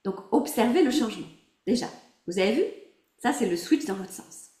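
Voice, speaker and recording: Lively woman coach, roomy sound. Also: medium pitch, normal speed. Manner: lively and encouraging, laughs often, talks to participants by name. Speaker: emotional wellbeing coach. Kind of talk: guided group coaching exercise. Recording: roomy echo.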